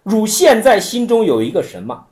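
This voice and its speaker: A man giving an informal Buddhist teaching talk, telling stories in an animated way with many repetitions. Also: high-pitched, normal speed. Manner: animated storytelling with frequent repetitions and acted-out quotes.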